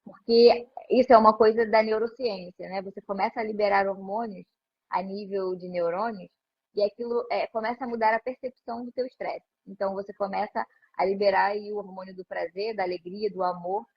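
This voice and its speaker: A woman's voice: mid-range voice, steady tone, fairly quick, husky. A woman, a mother talking conversationally about parenting in a live stream, often adding "né?". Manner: conversational, frequent "né?" tag questions. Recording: muffled lo-fi stream audio.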